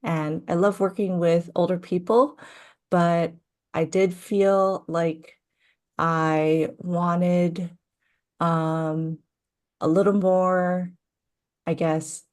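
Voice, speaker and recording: A woman's voice: on the low side, steady tone, darkish tone. A young adult woman from Hawaii, a coaching client talking through her story in an interview, thoughtful and full of fillers. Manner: slow, thoughtful, with frequent fillers. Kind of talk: interview conversation.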